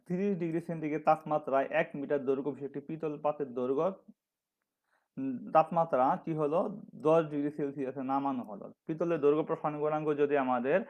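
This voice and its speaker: A man from Bangladesh teaching a physics lecture, working through formulas step by step and correcting himself as he goes. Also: on the high side. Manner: methodical, dictating formulas step by step, restarts and self-corrections. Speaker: physics instructor. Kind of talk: recorded classroom lecture. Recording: slightly dull lo-fi audio.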